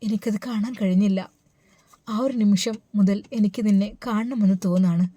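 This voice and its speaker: A woman's voice: mid-range voice, steady tone, moderate pace, dark tone, no room sound, close to an everyday voice. A woman doing a tender anxious older mother. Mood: worried. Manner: tender, pleading, affectionate. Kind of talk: storybook dialogue.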